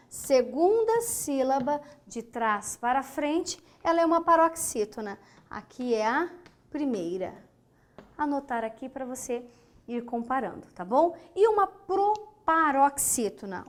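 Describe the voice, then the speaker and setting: A woman teaching grammar with a Brazilian Portuguese accent, counting syllables aloud and checking in with her students as she goes. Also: sits high. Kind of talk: recorded online grammar lesson at a board. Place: lesson studio with a whiteboard.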